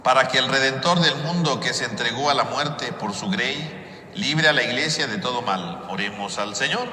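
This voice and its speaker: Priest, bright voice, cathedral echo. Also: male voice, mid-range voice, moderate pace. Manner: preaching with frequent "¿verdad?" tags. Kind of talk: homily and prayers at Mass. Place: large church. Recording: echoey church with long reverb.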